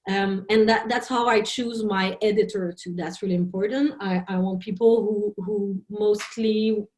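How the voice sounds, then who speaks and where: A woman film director, a native French speaker, speaking English in an interview, halting and searching for words. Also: mid-range voice, steady tone, a little mellow, slight background noise. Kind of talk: interview talk in a second language. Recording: roomy echo.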